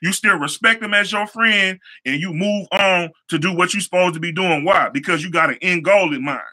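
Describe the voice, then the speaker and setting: A young man hosting his own show, telling personal stories in a casual motivational way, repeating phrases and using relaxed slang. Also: sits high, fairly quick. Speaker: show host, hair stylist.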